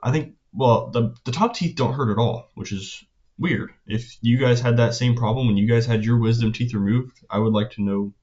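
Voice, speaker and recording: A teenage young man talking casually in a personal vlog, with a hesitant, halting delivery and phrases that trail off. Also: medium pitch, a little mellow. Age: teenager, about 16. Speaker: vlogger. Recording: dull, lo-fi sound.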